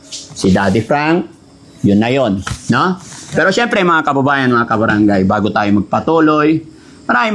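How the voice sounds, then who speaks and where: Guy vlogging, shouty when pranking then calm and polite with viewers, bit of background noise. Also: mid-range voice. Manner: shouts scoldingly during the prank, then talks calmly and politely. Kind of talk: casual chat, prank then explaining to viewers.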